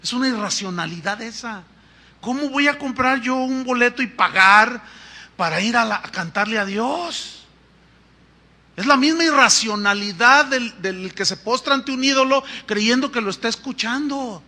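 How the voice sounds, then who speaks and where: A man preaching a sermon to his congregation as their pastor. He is emphatic and breaks into sudden loud rises. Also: very high voice, moderate pace. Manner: speaks to the congregation as brothers. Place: church.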